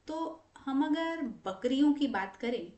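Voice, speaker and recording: Indian woman coaching english sounds, slow and patient, bit high voice, echoey room. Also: animated, darkish tone. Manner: slow, patient, demonstrates sounds by drawing them out. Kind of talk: relaxed explanatory lesson.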